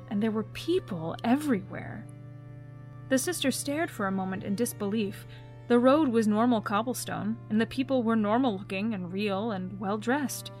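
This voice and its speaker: A woman giving soft, gentle, unhurried storybook narration. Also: mid-range voice.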